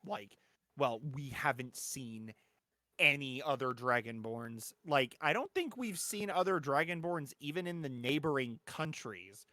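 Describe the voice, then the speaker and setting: A man's voice: medium pitch, animated, a little slow, pushed and bright, no room sound, studio quality. A man chatting casually as a player in a tabletop role-playing game.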